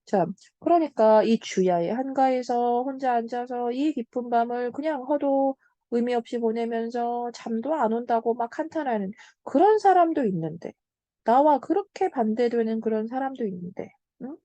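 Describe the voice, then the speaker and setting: A young woman tutoring Korean literature in an online lecture, explaining patiently, checking in with the student and slowing down on key terms. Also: fairly high pitch, mellow, no room sound, lo-fi sound.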